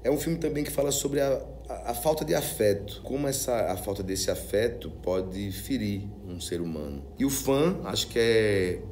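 Brazilian guy in his 50s, lowish voice, interview style, pauses a lot, bit of background noise. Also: expressive, darkish tone. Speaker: film director. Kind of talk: interview testimonial.

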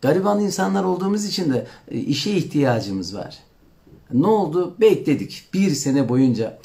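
A man's voice: a little high, sing-song, normal speed, creaky, dark tone. Earnest man telling a story. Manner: earnest storytelling, often addressing listeners as friends; reads and answers viewer comments. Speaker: teacher coaching exam candidates. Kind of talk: live-stream talk to viewers.

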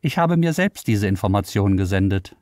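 A man's voice: lowish voice, expressive, brisk, a little mellow, dry recording, studio quality, lightly acted. A man voicing a self-aware male AI computer that speaks tonelessly and matter-of-factly, both boastful and lonely.

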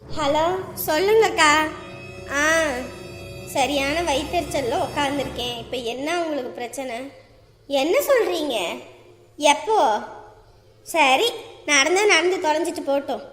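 A bitter, weepy middle-aged mother, as a woman plays her complains dramatically. Her bright, high voice carries a long echo around the room. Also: expressive, unhurried, pauses often, soft background music. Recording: echoey room with long reverb.

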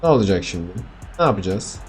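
Young male gaming streamer, lively voice, grumbles and vents at viewers, faint music behind. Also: sits low, fast. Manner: frustrated, talks to viewers, swings from mutters to outbursts. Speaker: gaming YouTuber. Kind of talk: casual live game commentary.

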